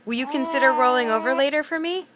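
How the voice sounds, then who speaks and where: A young woman talking to her baby at home in a gentle, teasing, sing-song way. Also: high voice, fast, over a noisy crowd. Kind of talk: home video chat with a baby.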